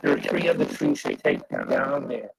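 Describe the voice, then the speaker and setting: A man's voice: extremely low pitch, sing-song, a little fast, gravelly, noisy background. Man on a garbled, breaking-up call. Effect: garbled, breaking-up video call audio. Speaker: planning board member. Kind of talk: public meeting remarks. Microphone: computer microphone on a video call.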